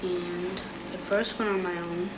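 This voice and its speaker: A nineteen-year-old woman reciting her own poem and reading records aloud in a plain, earnest way, with some halting restarts, heard from a worn VHS tape copy. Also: on the low side, fairly even intonation. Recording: hissy worn videotape copy.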